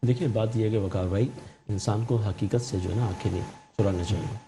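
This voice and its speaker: A man's voice: lowish voice, fairly even intonation, mellow, soft background music. A man who is a guest on a political talk show, arguing his side insistently and often cutting back in to hold the floor. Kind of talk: argumentative political debate.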